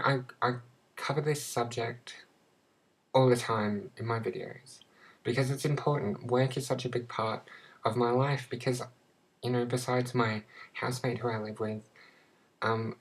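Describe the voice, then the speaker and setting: Her voice is deep and rumbling, and the recording is rough. She's a young Australian vlogger chatting casually to her camera, stumbling, restarting often and reaching for the right words.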